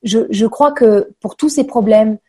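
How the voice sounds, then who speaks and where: A woman's voice: a little high, unhurried, dark tone. A woman actress talking casually as an interview guest, with lots of fillers and hesitations. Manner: many fillers, hesitant, chatty.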